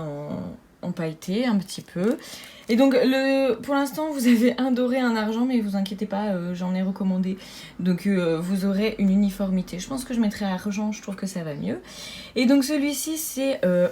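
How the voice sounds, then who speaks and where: A woman's voice: mid-range voice, moderate pace, warm tone. Bubbly chatty woman vlogger. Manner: bubbly, chatty, laughs often, many fillers. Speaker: budgeting vlogger. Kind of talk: casual chat to viewers.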